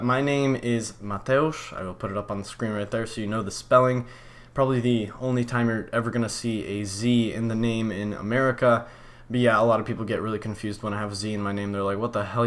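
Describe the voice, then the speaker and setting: A young Polish man, whose first language is Polish, answers viewer questions in a casual vlog. His voice is lowish, and he talks in a relaxed, rambling way with plenty of fillers and restarts.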